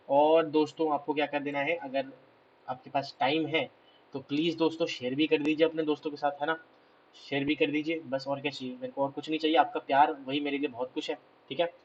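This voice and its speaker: A hoarse man teaching a math lecture, asking questions and answering them himself. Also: fairly high pitch, flat delivery, brisk, lo-fi sound, slight background noise. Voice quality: clears his throat. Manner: explains step by step, asks and answers his own questions. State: hoarse, scratchy throat.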